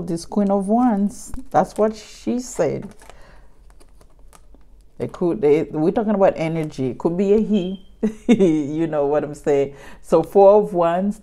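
A woman with a low, mellow voice gives a casual tarot reading to camera. She talks chattily, circling back over the same points and addressing her viewers directly. Her tone stays relaxed and warm-toned throughout. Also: slow pace. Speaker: tarot reader.

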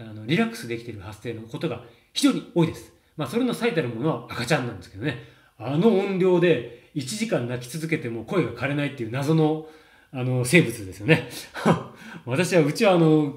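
Chatty guy voice coach, lots of ums and laughs, bouncy pitch, roomy sound. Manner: chatty, animated, many fillers and laughs. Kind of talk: casual spoken lesson. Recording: roomy echo.

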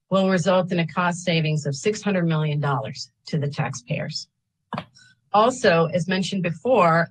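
Husky low-voiced woman reading testimony. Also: poor audio. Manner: reads figures steadily, with small slips and self-corrections. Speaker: state agency representative giving public testimony. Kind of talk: prepared statement read at a public hearing. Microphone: computer webcam on a video call.

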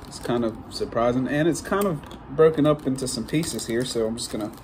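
A man's voice: medium pitch, fairly quick, darkish tone. A man in his twenties chatting casually to the camera as a vlogger. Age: 20s. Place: small hotel-like bedroom, indoors. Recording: faintly noisy room recording.

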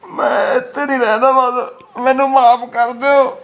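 A man's voice: extremely high pitch, little pitch movement, fairly bright tone, lo-fi sound, full character voice. An actor playing a frightened young village man, crying and pleading, with a Malwai Punjabi accent. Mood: tearful. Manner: tearful, pleading, halting. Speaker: nephew in a family drama. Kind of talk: web series acting.

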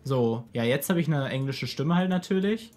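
A man's voice: medium pitch, lively intonation, moderate pace, a little mellow. A young man gives a casual let's play commentary to a friend. He is blunt and slangy, with faint game music behind him. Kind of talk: casual gameplay chat with a friend.

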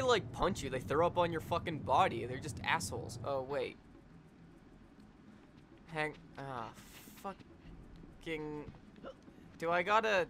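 A young man giving casual, profane gameplay commentary, getting excitable and swearing often as he plays. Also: fairly high pitch, noisy background. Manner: excitable, swears a lot, yells at the game. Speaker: let's play gamer.

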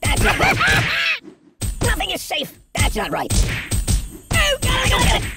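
A woman's voice: very high voice, huge pitch swings, measured pace, heavily acted. A woman voicing a cheeky, whiny male ragdoll toy in a game, yelping, pleading and cracking quips in short bursts. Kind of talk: game character voice lines. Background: game music.

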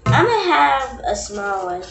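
A chatty woman hosts a family vlog at home, rambling along with plenty of fillers and trailing thoughts. Her voice sits a little high and lands from a few feet away, with a roomy echo and a faint hiss behind it. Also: sing-song, measured pace, vocal fry, over music. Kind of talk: casual chat to camera. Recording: echoey room, distant from mic.

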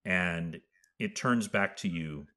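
Slow, low-voiced male game master. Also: pushed and bright. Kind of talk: improvised tabletop game narration.

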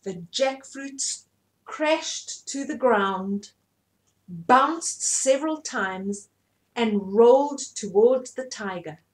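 In a rough recording from a small furnished room, a middle-aged woman reads a children's bedtime story to young kids and explains it expressively. Her slightly high voice is animated, and she draws out her words.

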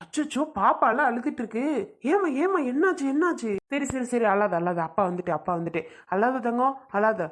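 A woman's voice: fairly high pitch, fairly quick, close to an everyday voice. A woman playing a young father in a comedy skit, scolding in an exasperated way. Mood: fretful.

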